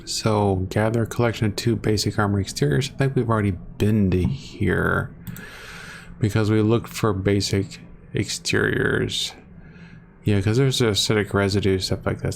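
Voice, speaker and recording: A man with a fairly low, gravelly voice hosts a gaming channel, rambling through his gameplay and poking fun at himself as he thinks aloud. It's casual commentary recorded at home on a close desktop mic, with slight background noise.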